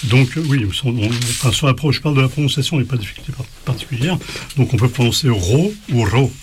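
Male teacher, casual spoken lesson, halting delivery, faint hiss with clicks. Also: mid-range voice. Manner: hesitant, many fillers and restarts. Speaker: language teacher.

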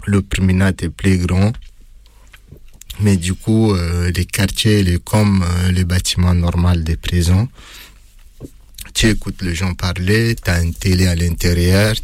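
A man speaking French with a non-native accent, giving a halting personal account as an interviewee, full of hesitations and restarts. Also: low voice, fairly even intonation, a little mellow. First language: not French. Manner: hesitant, many fillers and restarts.

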